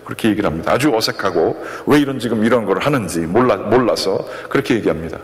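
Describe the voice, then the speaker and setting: A man preaching a sermon as a pastor, telling a story and acting out a coach's shouted encouragement. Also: fairly low pitch, lively intonation, fast. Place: church sanctuary. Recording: long reverb of a church hall.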